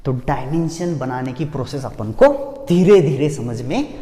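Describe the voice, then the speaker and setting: A man's voice: mid-range voice, animated, moderate pace, mellow. A man teaching physics in a playful lecture style, asking questions and answering them himself the way his students would. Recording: echoey room with long reverb.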